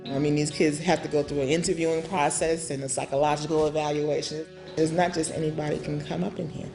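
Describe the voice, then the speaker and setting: Very low-voiced candid mother. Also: flat delivery, fast talker, creaky, music in the background. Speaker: parent. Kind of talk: documentary interview.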